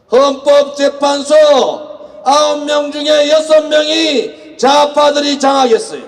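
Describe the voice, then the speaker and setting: A man giving a roaring rallying political speech, shouting out emphatic, deliberate phrases to the public. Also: extremely high pitch. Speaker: political rally speaker, party leader.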